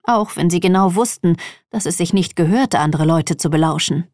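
A woman narrating a children's audiobook in an expressive reading voice. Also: lowish voice, normal speed, no room sound, studio quality.

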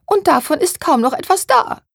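A woman putting on a whiny, high-voiced seamstress. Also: very animated, moderate pace, darkish tone, slightly rough, no room sound, studio quality, full character voice. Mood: whining. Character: shrill complaining woman seamstress, doting mother. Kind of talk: audiobook reading.

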